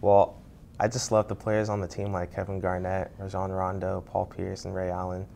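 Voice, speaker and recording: Athlete guy on a talk show, super deep monotone, kinda gravelly, faint hiss behind. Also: moderate pace. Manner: low-key, steady, plain-spoken. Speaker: guest athlete. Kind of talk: interview answers.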